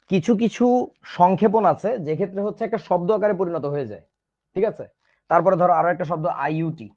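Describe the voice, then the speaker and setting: Male Bangladeshi teacher, jokey and scolding, somewhat high-pitched, muffled audio. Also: darkish tone. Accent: Bangladeshi Bengali. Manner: chatty, teasing, scolds students playfully. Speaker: chemistry teacher. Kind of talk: casual online class lecture.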